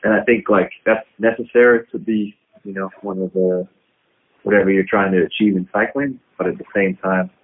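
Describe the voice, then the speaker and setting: Husky man on a tinny phone line. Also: lowish voice, steady tone. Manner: rambling, halting, many fillers. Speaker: interviewed pro cyclist. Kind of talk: recorded interview.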